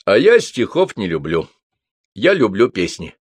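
A smug gentleman who speaks in loud, confident statements and talks down to the others, as a man reads him. The voice is low and dry. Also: wildly swooping pitch, unhurried, breathy edge, dry recording, exaggerated voice. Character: smug self-assured man, patronizing.

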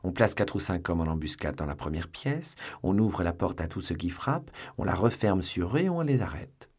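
Deep-voiced guy reading an audiobook, husky, really lively delivery. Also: moderate pace. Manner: expressive storytelling. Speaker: audiobook narrator. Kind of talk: scripted narration of a classic novel.

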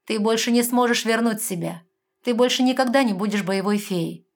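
A woman's voice: fairly high pitch, voice pushed up, natural voice. A woman voicing a smug, sly red fairy. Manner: mocking, brisk, self-assured.

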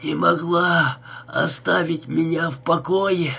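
Guy doing a stabbed dude, hoarse and choking, slow gasping begging, higher than his own voice. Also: steady tone, pushed and bright, heavily acted. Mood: stunned. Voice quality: hoarse, choked voice. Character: stabbed young man, bleeding, desperate.

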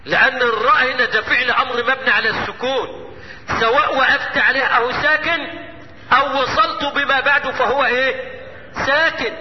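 A man with an Egyptian Arabic accent teaching Quran recitation rules, quizzing his students and answering his own questions, and chanting verses slowly. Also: extremely high pitch, steady tone. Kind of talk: lesson. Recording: echoey hall, muffled lo-fi, faint hiss.

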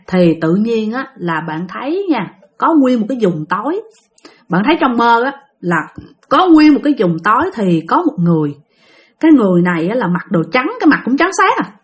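Chatty Southern Vietnamese woman telling ghost stories. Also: a little high. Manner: chatty, addresses listeners directly, many fillers. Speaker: storyteller. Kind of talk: casual spoken ghost-story telling.

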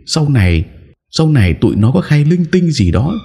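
A man's voice: mid-range voice, sing-song, normal speed, vocal fry, warm tone, husky, voice pushed up, exaggerated voice. A man voicing a shady middle-aged female gangster who stammers and pleads in an audiobook. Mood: bargaining. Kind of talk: audiobook character voice.

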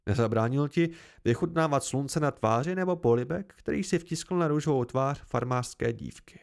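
A man voicing a calm, stern male chronicler who lectures in a firm, patient way, with a gravelly voice. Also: medium pitch, lightly acted.

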